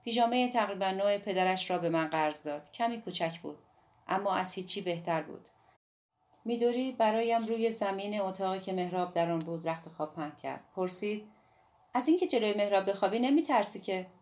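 A woman narrating an audiobook novel in a calm, even storytelling manner. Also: mid-range voice.

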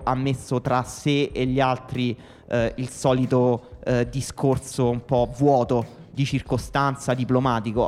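A male podcast host lays out his argument point by point in a measured way. His voice is mid-pitched. A long reverb trails behind every phrase. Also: a little mellow. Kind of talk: casual podcast debate.

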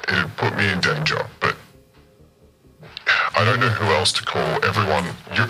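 A man's voice: normal speed, pushed and bright, breathy edge, soft background music, full character voice. A man voicing a nervous anonymous caller who stammers and speaks through a voice changer app. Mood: fearful. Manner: hesitant, stammering, fearful. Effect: voice changer, deep distorted. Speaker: game master. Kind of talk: tabletop roleplay acting.

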